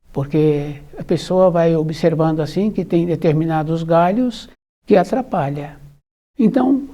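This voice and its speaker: A spiritual teacher gives a slow, measured talk, repeating phrases and pausing between short clauses. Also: medium pitch, warm tone.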